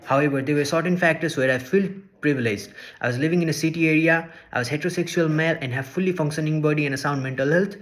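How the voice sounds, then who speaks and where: Reading a prepared presentation for class, a young Nepali social work student speaks English in a voice on the high side. He is earnest and measured, laying out his points one after another.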